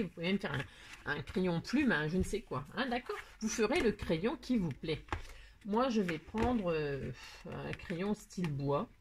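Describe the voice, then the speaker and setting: A woman hosting a card-making tutorial, chatting casually and rambling, talking straight to viewers with lots of self-mocking asides. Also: fairly low pitch. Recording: noisy home recording.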